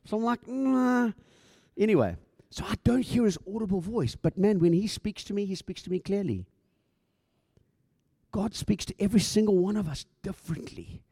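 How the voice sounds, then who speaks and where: Man, middle-aged, pastor, conversational sermon, acts out dialogue, stumbles and repeats words, dark mellow voice, dry close sound. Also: high-pitched, expressive, normal speed, husky, no echo.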